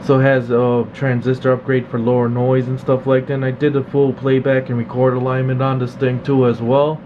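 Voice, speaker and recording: A repair technician gives a casual, plain-spoken demonstration in an indoor electronics workshop, explaining things informally. He speaks a little fast at a medium pitch, and the slightly dull recording carries a steady, noisy room hum.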